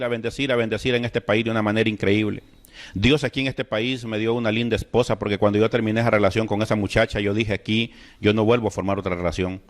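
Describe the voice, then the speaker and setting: Earnest man giving a faith testimony. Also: fairly low pitch. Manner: earnest storytelling that addresses listeners directly; acts out remembered dialogue.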